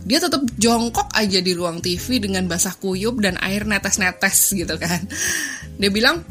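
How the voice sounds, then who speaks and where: Young woman podcast host, casual storyteller, mid-pitched voice, faint music underneath. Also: expressive, measured pace, a bit bright. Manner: chatty, retells scenes with quoted dialogue.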